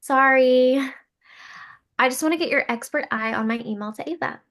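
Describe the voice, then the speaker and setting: In a comedy table read, an actress with a high voice plays an eager, earnest young schoolteacher. She speaks at a normal pace, perky, animated and hopeful.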